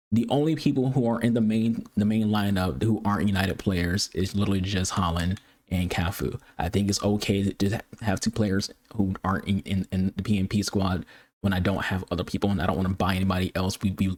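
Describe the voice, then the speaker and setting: A gaming YouTuber with a lowish voice gives a casual game review, opening with an excitable, high-pitched greeting. His delivery is rapid and cluttered, full of repeated words and frequent restarts.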